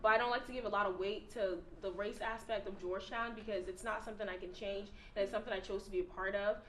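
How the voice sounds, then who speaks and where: A young woman, speaking quickly and earnestly on a student panel. Her voice sits in the middle of her range, and the room around her echoes. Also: medium pitch, steady tone, a bit bright, slight background noise. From Ghana. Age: young adult. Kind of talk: panel discussion answer.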